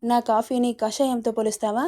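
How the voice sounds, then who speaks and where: A woman's voice: a little high, little pitch movement, normal speed, dark tone, natural voice. A woman voicing a playful young husband, a doctor, in a storybook reading, with sulky, teasing banter.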